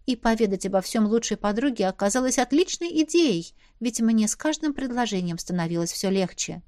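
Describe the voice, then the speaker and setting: A woman narrating a novel in the first person with a steady, expressive delivery. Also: a little high, a little fast, no room sound, studio quality. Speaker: audiobook reader.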